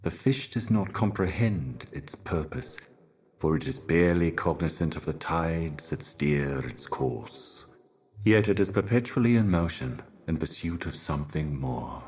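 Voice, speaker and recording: An actor playing a solemn otherworldly herald of cosmic horrors in a video game, speaking in an ominous, grandiose and cryptic theatrical manner. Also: male voice, extremely low pitch, expressive, unhurried, a little mellow. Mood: solemn, brooding. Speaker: game character, messenger and guardian.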